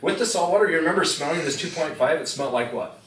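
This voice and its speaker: Lively man telling stories to a crowd. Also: on the high side, fast. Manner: storytelling, jokey, asks the audience questions. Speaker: product presenter. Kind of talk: live product demonstration to an audience. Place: room with a live audience. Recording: echoey room, distant mic, faint noise.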